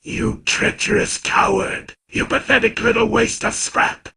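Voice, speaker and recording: A man's voice: very high voice, lively intonation, slow pace, creaky, breathy edge, pitched above the performer's own voice, heavily acted. A man voicing a furious, gloating giant robot warlord with harsh, strained, menacing mockery over music. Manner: menacing, mocking, shouted threats.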